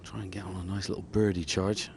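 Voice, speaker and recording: A man's voice: sits low, flat delivery, quick pace, darkish tone, slight background noise. A man giving live golf commentary as a commentator at a tournament.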